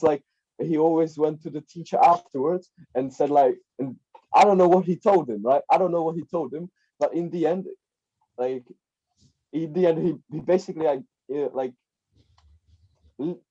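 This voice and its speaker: A young man from the Czech Republic, a guest life coach, rambles casually on a podcast, often repeating words and saying "like" and "right?". His warm voice is slightly high and moves at a moderate pace, heard through a dull lo-fi recording.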